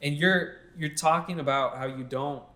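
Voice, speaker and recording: A man's voice: on the high side, normal speed, a bit bright. A young man co-hosting a podcast, ranting casually with lots of "like"s. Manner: opinionated ranting, many filler "like"s. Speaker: podcast co-host. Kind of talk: casual chat.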